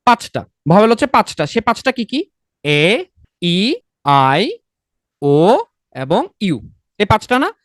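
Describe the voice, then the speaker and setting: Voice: medium pitch, big pitch swings, unhurried, pauses often, no echo. A teacher gives an online exam-prep lesson, asking questions and answering them, often checking with "okay?". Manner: repetitive and coaxing, often adds a checking "okay?".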